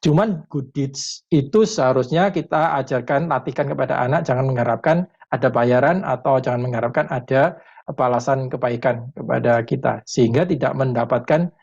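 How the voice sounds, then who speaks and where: Brief: male parenting speaker, mid-pitch, unhurried and reflective, slightly muffled video-call sound. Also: vocal fry, a little mellow, husky. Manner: thoughtful, pauses with many fillers, mixes in English terms. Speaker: parenting educator answering questions. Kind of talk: webinar consultation answer.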